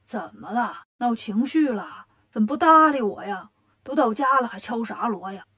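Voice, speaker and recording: A woman voicing a boastful male demon king in a children's storybook tale, with low gloating chuckles. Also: expressive, normal speed, bright, forceful tone. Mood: grumbling.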